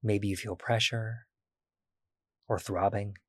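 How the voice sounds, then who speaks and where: A man leads a calm body-scan meditation in a soft, breathy voice. His pitch sits low and he leaves long pauses between phrases. The recording is dry and close, with no room sound. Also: no echo. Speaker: meditation guide.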